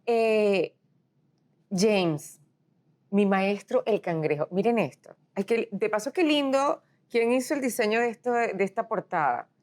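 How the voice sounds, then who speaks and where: A woman's voice: medium pitch, animated, unhurried, a little mellow. A woman from Venezuela hosting an interview show, asking curious, friendly questions. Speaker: host.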